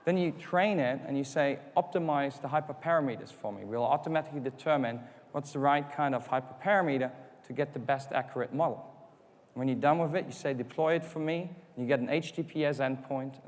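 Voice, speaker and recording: In a conference hall with audible hall reverb, a man giving a keynote walks the audience through his points step by step, posing rhetorical questions and acting out what customers say. English is not his first language; his mid-range voice is brisk.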